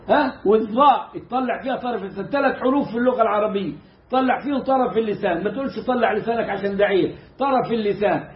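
A man with an Egyptian Arabic accent teaching Quran recitation in a casual, animated way, mimicking mistakes and drawing out the correct sounds. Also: very high voice, reverberant, muffled recording. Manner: animated, mimics mispronunciations and demonstrates slow recitation. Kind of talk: casual lesson.

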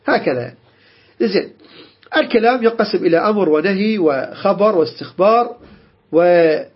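A man's voice: sits high, husky. A man teaching a grammar lesson, repeating key terms and checking that students understand. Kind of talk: classroom lecture. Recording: dull lo-fi recording.

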